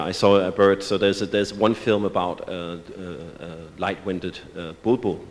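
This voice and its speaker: A man's voice: sits low, slight background noise. A man from Denmark, giving a hesitant symposium talk about his art, full of filler sounds and restarts. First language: Danish. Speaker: artist presenting his work. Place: museum auditorium. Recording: long reverb of a large hall.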